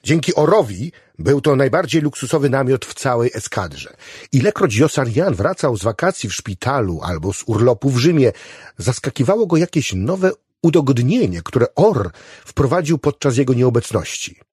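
Man, audiobook narrator, very raspy voice, dry studio sound. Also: medium pitch, moderate pace, no room sound. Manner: expressive, varied storytelling.

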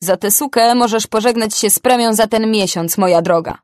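Woman doing a shouting bossy female club manager. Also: a little high, brisk, no room sound, studio quality, voice pushed up, close to an everyday voice. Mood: scolding. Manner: shouting, scolding.

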